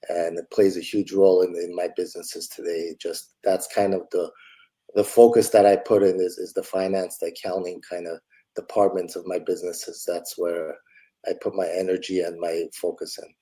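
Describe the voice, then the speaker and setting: A man in his forties from Los Angeles, answering interview questions in a relaxed way and thinking aloud with many fillers. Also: low-pitched, low-quality recording. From Los Angeles, United States. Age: 40s. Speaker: guest, entrepreneur.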